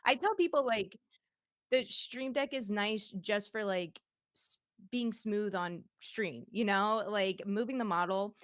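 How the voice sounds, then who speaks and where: Speaking slowly in a mid-range voice, this VTuber guest giggles often as she casually shows off her streaming setup during a livestream demo chat. Her streaming mic gives clean studio sound with no echo.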